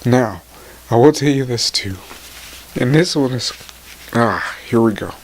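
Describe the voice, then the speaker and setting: A man in his forties speaking emotionally to his viewers, halting and tearful, his voice sometimes sinking to a near whisper. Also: mid-range voice, expressive, a little hiss or hum. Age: 40s. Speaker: motivational vlogger. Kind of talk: emotional personal talk to camera.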